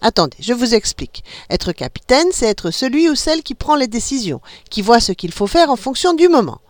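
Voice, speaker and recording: A bubbly young mother, full of playful excitement as she rallies her little ones into a game, as a woman reading a storybook puts her on. Her voice is high and swoops up and down in a lively, sing-song way. The recording is dry and close. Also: brisk, no room sound.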